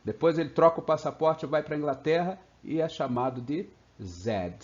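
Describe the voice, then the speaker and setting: A Brazilian man teaching English in a playful video lesson, slowly stretching out example sounds. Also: on the high side. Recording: slightly dull lo-fi sound.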